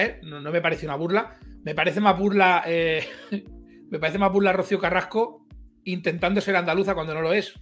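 A man's voice: on the high side, fairly bright tone. A man in a casual live chat, talking in a chatty, slangy way with many restarts.

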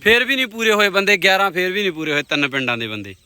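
A man's voice: high voice, very animated, very fast, bright, forceful tone, clear, resonant tone, no echo. A young man, chatting casually as a vlogger and bantering with friends.

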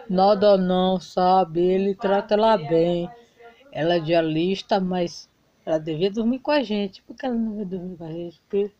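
A woman's voice: medium pitch, warm tone, lo-fi sound. A woman playing every part in a home doll soap opera, switching between character voices. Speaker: doll play narrator voicing all characters.

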